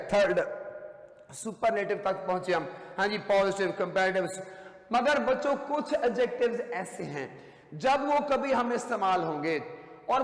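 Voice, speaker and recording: A man teaching an English grammar lesson to students, repeating key words emphatically and addressing them as children. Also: high-pitched. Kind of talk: classroom lecture at a whiteboard. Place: classroom. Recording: echoey classroom, long reverb.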